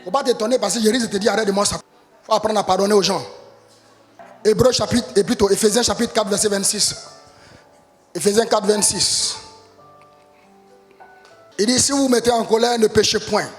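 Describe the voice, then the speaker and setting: A man preaching a sermon as pastor, impassioned and often rising to shouts. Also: high voice, a little fast, long pauses, long reverb tail, soft background music. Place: church.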